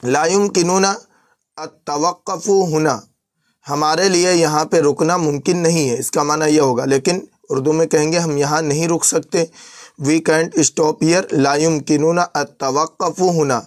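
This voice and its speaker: A man with an Urdu accent teaching everyday Arabic phrases in a recorded lesson, repeating each phrase slowly and glossing it in Urdu and English. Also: on the high side. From South Asia.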